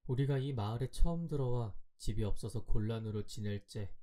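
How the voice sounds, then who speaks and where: A man reads a classic tale aloud for bedtime listening, calm and measured. His voice is mellow and warm, sitting at an ordinary pitch. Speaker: audiobook narrator. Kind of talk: scripted audiobook narration for sleep.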